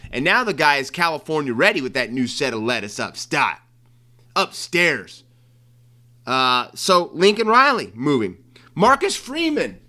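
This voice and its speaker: Bright-voiced, chatty male sports show host. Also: fairly high pitch. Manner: chatty and joking, with frequent ums and restarts. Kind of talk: casual sports commentary monologue.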